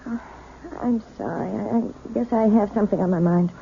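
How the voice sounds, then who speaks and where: An actress playing a troubled, guarded, weary wife in a radio drama, speaking hesitantly and evasively. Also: female voice, mid-range voice, normal speed, vocal fry, phone-quality sound, slight background noise, natural voice. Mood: distracted. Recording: thin, band-limited old radio recording.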